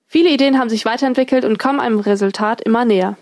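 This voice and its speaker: A woman's voice: a little high, rapid-fire, a little mellow, no echo, studio quality. A young woman student reading a scripted radio report. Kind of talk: scripted narration.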